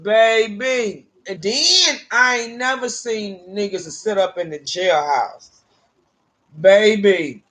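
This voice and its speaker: A woman's voice: mid-range voice, slow. A woman casually telling a personal story, profane and laughing often between lines. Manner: animated, with vernacular grammar.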